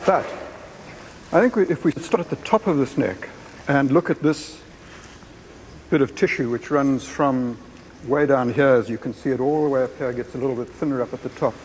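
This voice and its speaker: Male expert, medium pitch, explaining off the cuff in a working room with faint noise behind. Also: normal speed, darkish tone. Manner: explains through rhetorical questions and lists. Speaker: giraffe expert. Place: post-mortem room.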